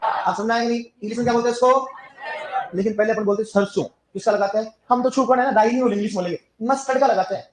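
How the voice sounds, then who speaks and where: A man's voice: sits high, fairly even intonation, racing, echoey room. A man teaching an agriculture class, firing repeated questions at students and coaxing answers. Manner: scolds the class jokingly. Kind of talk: classroom lecture with call-and-response questions.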